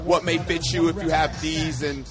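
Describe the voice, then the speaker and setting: A man in his thirties, an athlete and coach, talking casually in an interview in long, energetic run-on lists. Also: on the high side, normal speed, over music.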